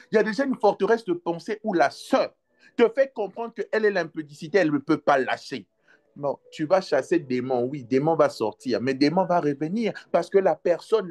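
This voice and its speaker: A man preaching a sermon to a congregation, acting out dialogue and breaking into sudden loud cries. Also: high-pitched. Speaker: pastor.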